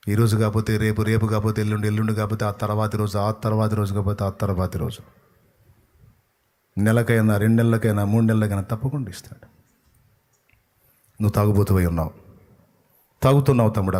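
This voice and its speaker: A man preaching a sermon as a pastor, passionate and forceful, swinging between loud outbursts and low, intense passages, often asking the listener pointed rhetorical questions. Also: steady tone, brisk, long pauses.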